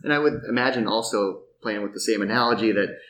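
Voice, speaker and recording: A man's voice: quick pace, fairly bright tone. A man hosting a podcast interview, asking curious questions and offering short affirmations. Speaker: podcast host. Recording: echoey room, faint rumble.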